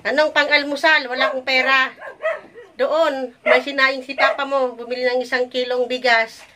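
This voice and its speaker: A woman's voice: high-pitched, little pitch movement, normal speed, sharp tone. A woman playing an overworked, exasperated village mother in a drama, kvetching and nagging in long repetitive complaints. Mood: scolding, nagging. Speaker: actor in an amateur short film. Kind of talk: naturalistic family drama acting.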